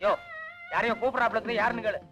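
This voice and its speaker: An actor playing a bossy, stubborn elder brother in a village comedy, brusque and bickering. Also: male voice, very high voice, steady tone, rapid-fire, pushed and bright, low-quality recording. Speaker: head of the family, elder brother. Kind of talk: 1980s film comedy acting.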